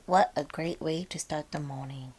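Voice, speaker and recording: A young adult woman vlogging in a casual, gushing style, full of slang and excited asides. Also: deep voice, normal speed, music in the background. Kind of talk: casual vlog chat.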